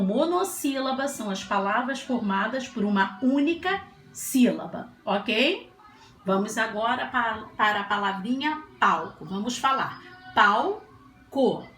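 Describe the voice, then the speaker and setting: A teacher leads a children's lesson, patient and sing-song, drawing out syllables as she sounds words out. Her voice is fairly high and slightly bright, recorded in an echoey room with faint ambience.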